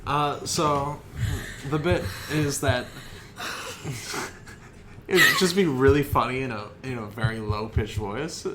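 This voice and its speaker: A man, co-hosting a casual podcast chat, slow and hesitant with many fillers. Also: mid-range voice, very noisy. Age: 20s. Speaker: podcast co-host.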